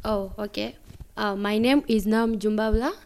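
A young woman from Zambia with a Zambian accent, answering interview questions about playing football, halting and mixing in local words. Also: mid-range voice, steady tone, creaky, a little mellow, clear, resonant tone. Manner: mixes English with local words, halting with many fillers.

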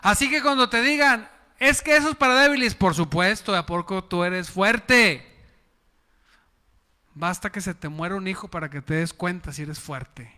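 A man preaches to his congregation with a high, bright voice and an unhurried pace, firing questions at them and leading call-and-response. His voice carries a long reverb from the hall. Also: expressive. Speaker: pastor. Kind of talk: sermon.

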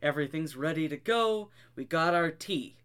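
A man's voice: on the high side, normal speed, smooth. Guy cohosting a podcast, rambly and giggly, does the voices when he tells a story. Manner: chatty and giggly, tells stories with animated quoted reactions. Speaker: podcast co-host. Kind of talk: casual chat.

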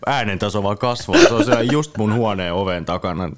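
A man with a very low voice tells a story in casual chat with friends. His pitch moves a lot, and he laughs through his telling. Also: animated.

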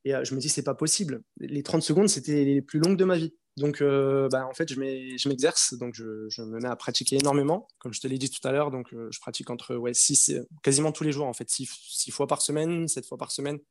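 A man's voice: medium pitch, steady tone, brisk, few pauses. A man in his twenties, an interview guest, telling his story in a casual, hesitant way with many fillers and restarts. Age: 20s.

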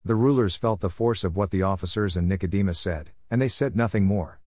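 Low-voiced man reading scripture aloud. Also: fairly quick, darkish tone, no echo, clean studio sound. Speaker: audiobook narrator. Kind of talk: scripted narration of a religious text.

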